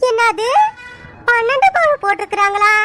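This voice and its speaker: A woman doing a shrill scolding mother-in-law. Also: normal speed. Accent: Tamil Nadu village speech. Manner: shrill, bossy, shouts and nags. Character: loud scolding middle-aged village mother-in-law. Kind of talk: cartoon dub acting.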